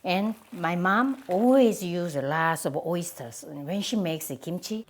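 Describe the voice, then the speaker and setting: A woman's voice: on the low side, takes it slowly. Chatty Korean-accented woman cooking. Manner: chatty, enthusiastic, simple phrasing. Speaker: cooking show host. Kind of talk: cooking demonstration. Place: home kitchen.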